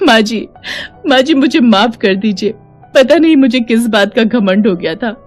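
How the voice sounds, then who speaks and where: A woman's voice: on the high side, moderate pace, darkish tone, soft background music, natural voice. A woman voicing a young daughter-in-law who has become an officer, speaking emotionally and emphatically. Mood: remorseful. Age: young adult.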